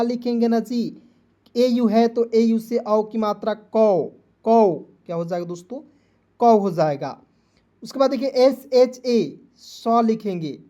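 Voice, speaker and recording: A man's voice: sits high, mellow. A male online teacher walks viewers through words, spelling them out letter by letter in a patient, repetitive way. He keeps stopping to ask whether his viewers follow, talking to them as friends. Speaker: English teacher. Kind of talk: online lesson.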